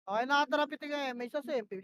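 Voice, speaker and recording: A woman's voice: high-pitched, very fast, a bit bright, dry recording. A woman leading her team in a shooter match, barking short repeated commands and swearing when frustrated. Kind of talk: rapid in-game voice comms.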